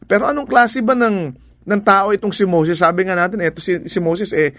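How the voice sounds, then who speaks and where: A man's voice: high-pitched, steady tone, normal speed, fairly bright tone, dry recording. A man with a Filipino accent preaching a sermon in a conversational way, slipping English into his talk and asking rhetorical questions.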